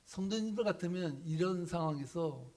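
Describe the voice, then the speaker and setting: A pastor with a slightly higher male voice delivers a sermon. He moves between calm explanation and acted-out dialogue for the story's characters. He often turns to the congregation with questions. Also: normal speed. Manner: animated storytelling, acting out biblical characters' lines.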